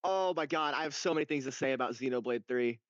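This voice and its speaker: A young man in casual podcast chat, telling a game story with excitement and frequent swearing. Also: mid-range voice, quick pace, no echo. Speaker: podcast co-host. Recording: dull lo-fi dry sound.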